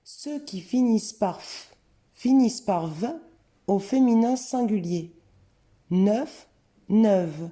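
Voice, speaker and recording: Woman teacher for a grammar lesson: slow, careful delivery, very warm dark tone. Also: mid-range voice. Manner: slow, careful, clearly spelled-out word examples. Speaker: French teacher. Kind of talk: scripted lesson narration.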